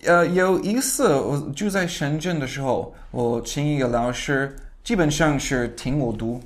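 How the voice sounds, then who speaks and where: A man with a foreign accent speaking Mandarin as a second language in a casual interview, halting, with learner phrasing. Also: medium pitch. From outside China. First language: not Mandarin. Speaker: interview guest.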